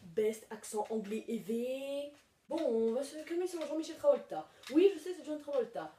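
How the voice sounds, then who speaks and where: A woman's voice: sits high, animated, moderate pace, dark tone. A woman hosting a casual home video review, rambling with lots of hesitations. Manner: rambling, many hesitations and fillers. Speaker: video host reviewing toy blaster magazines. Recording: echoey room, mic far off, noisy.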